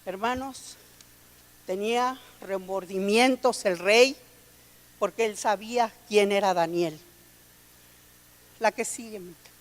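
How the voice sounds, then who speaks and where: Slow-speaking woman preacher in a reverberant hall. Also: medium pitch. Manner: reads scripture aloud, calls listeners brother and sister. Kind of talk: sermon with scripture reading.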